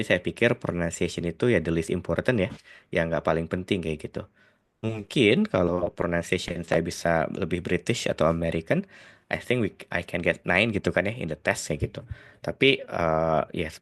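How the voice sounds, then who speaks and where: Very low-voiced man with a Sundanese accent. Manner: chatty, explains with many tag words and hesitations; mixes English phrases into his talk. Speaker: IELTS tutor. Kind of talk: casual video lesson.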